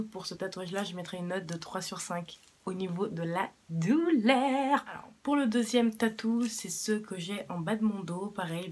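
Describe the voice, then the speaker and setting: A young Cuban vlogger chats casually to camera in a lowish voice with a breathy edge. She speaks frankly, with plenty of fillers and the occasional swear word.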